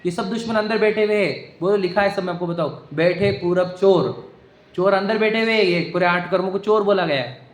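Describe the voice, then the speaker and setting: Man, religious teacher, high pitched, explanatory, keeps questioning listeners, echoey hall recording. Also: brisk. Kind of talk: religious discourse to a live audience. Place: hall with a seated audience.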